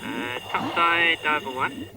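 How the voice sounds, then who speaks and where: Diver guy talking thru his mask radio, slow terse calls, loud hiss all over. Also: fairly high pitch, sing-song. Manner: terse radio call procedure. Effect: voice heard over a diver's mask radio. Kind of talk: underwater radio communication. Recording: noisy, distant underwater radio link.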